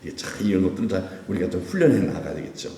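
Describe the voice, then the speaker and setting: A male pastor preaches in a lively, conversational way, his pitch rising and falling as he asks the congregation questions and answers them himself. His voice is mellow and warm. He sounds set back from the microphone, with a long church-hall echo around him. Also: racing. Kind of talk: sermon. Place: church sanctuary. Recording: echoey church hall, mic at a distance.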